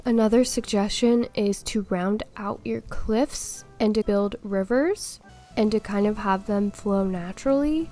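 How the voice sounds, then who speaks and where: Brief: young woman tutorial host, mellow tone, a bit sick and crackly, steady step-by-step tips. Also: medium pitch. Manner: calm step-by-step explaining, giving tips. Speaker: video game tutorial host. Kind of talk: tutorial voice-over over gameplay.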